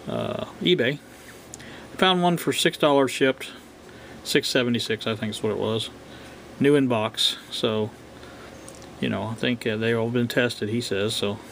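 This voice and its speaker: A man in the middle of a workbench repair talks casually to his viewers, pausing often and filling the gaps. He has a mid-range voice, and there is a faint hiss of background noise. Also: medium pitch. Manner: relaxed, halting, many fillers. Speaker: vintage electronics repair vlogger. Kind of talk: casual workshop narration.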